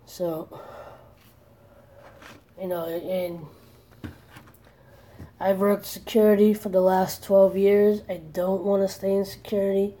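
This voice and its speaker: A vlogger in her forties speaks candidly to her camera, slow and low-key in a flat voice with a dark, mellow tone. Earnest and a little worried, she often restarts her sentences and leans on "you know," with a little hiss or hum in the background.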